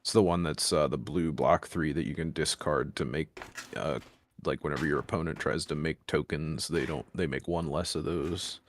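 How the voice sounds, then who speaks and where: A man's voice: very deep voice, steady tone, moderate pace, a little hiss or hum. An American man in casual chat, explaining things in detail and pressing his point. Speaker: podcast co-host. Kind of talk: casual chat about card games.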